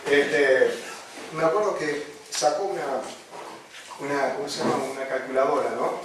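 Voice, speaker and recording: A man's voice: a little high, normal speed. A man with a Rioplatense Spanish accent, a pastor giving a chaplaincy lesson in a conversational sermon style, often tagging his sentences with "¿no?". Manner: conversational, frequent "¿no?" tags and fillers. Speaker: pastor teaching a chaplaincy course. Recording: echoey room from far off, faint noise.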